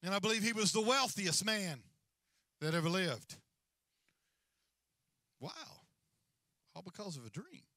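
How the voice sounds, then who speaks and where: A man's voice: high-pitched, lively intonation, unhurried, pauses often, sharp tone, no room sound. A middle-aged man preaching a sermon as senior pastor on a large church stage, with a handheld mic and a repetitive, rising and falling cadence.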